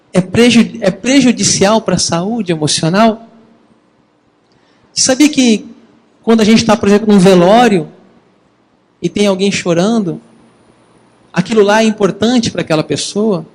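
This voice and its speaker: A man preaching a sermon in a lively, conversational way, addressing the congregation as brothers. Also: high-pitched, measured pace, pauses often, in a large hall, low-quality recording. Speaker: pastor.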